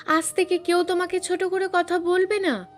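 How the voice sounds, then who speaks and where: A woman's voice: very high voice, level tone, moderate pace, faint music behind, pitched above the performer's own voice. A woman voicing a firm, pained young husband. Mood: confronting. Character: angry young husband and father standing up for his family.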